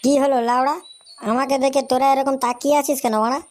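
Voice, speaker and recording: A woman's voice: high-pitched, flat delivery, a little mellow, a little hiss or hum, close to an everyday voice. A woman voicing a brash, foul-mouthed young man who leads his friends in a cartoon, talking in a crude, swaggering way. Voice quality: crude, swaggering, quick to threaten. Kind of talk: cartoon voice acting.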